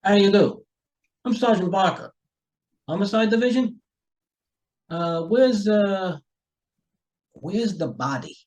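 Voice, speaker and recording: A man playing a folksy, rambling homicide sergeant in a radio mystery, chatty, halting and courteous. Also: high voice, animated, a little mellow. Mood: affable, probing. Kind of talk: amateur radio mystery acting.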